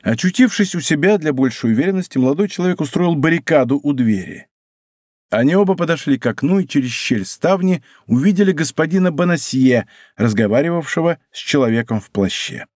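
Guy reading an old adventure novel aloud, measured storyteller, dry studio sound. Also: a little high, lively intonation, a little mellow, no echo. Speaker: audiobook narrator. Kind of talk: scripted audiobook narration.

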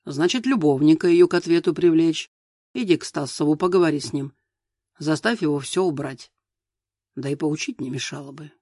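A man's voice: a little high, darkish tone, no room sound, studio quality, close to an everyday voice. A man voicing a domineering middle-aged mother-in-law in an audiobook, speaking harshly and emphatically. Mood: berating. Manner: harsh, reproachful, slow and emphatic.

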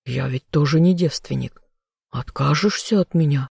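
An audiobook reader voicing a passionate, possessive male elf lover, speaking low, soft and unhurried. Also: creaky, slightly rough, no echo, clean studio sound. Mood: possessive teasing. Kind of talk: audiobook character voice.

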